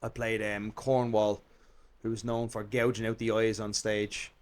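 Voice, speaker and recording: A man's voice: fairly low pitch, level tone, unhurried. An Irish man, an actor and comedian, chatting as a guest in a rambling, self-deprecating way. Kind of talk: casual interview chat.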